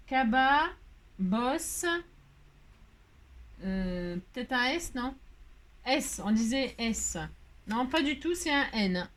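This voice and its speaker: Chatty high-voiced woman crafter. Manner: rambling, playful, chatty with many fillers and jokes. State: hot, complaining of heat. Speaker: crafting vlogger. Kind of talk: casual chat while crafting.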